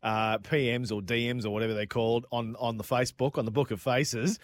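A man's voice: medium pitch, fairly even intonation, fairly quick, no room sound. Jokey male radio co-host, dry sound. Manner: jokey, reads listener texts with a laugh. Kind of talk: casual radio banter.

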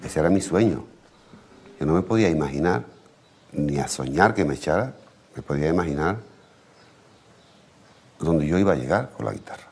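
A flamenco guitarist with an Andalusian accent, telling his childhood memories in an unhurried, reflective way. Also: rumbling low, animated, a little mellow, husky. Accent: Andalusian Spanish. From Andalusia, Spain. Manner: unhurried, acts out family quotes in raised voices. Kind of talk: reflective storytelling interview. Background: flamenco guitar music.

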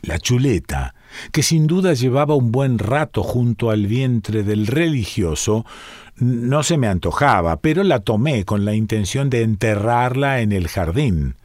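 A man reading a short story aloud in a calm, measured narrating voice. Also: mid-range voice, no echo, studio quality. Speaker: reader.

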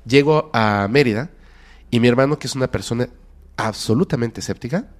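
A man's voice: medium pitch, brisk. Mexican man telling a spooky tale. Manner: dramatic, drops to whispers and bursts of loudness. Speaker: podcast guest. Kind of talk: storytelling in a podcast interview.

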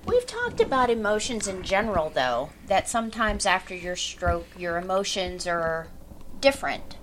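A woman hosting a casual group discussion and gently prompting others with follow-up questions. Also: medium pitch, big pitch swings, normal speed, a little hiss or hum, poor audio. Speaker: group facilitator and host.

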